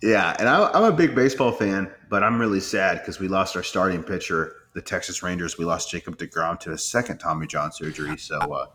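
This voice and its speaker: A man in his twenties co-hosting a podcast, chatting casually about sports with relaxed, halting restarts. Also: deep voice, a little hiss or hum. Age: 20s. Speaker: podcast co-host.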